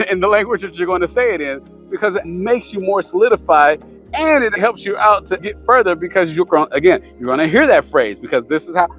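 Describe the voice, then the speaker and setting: Man vlogging, high voice, rambling with lots of fillers, faint music underneath. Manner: rambling, many "you know" fillers and restarts. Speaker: vlogger sharing language-learning tips. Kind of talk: casual talk to camera.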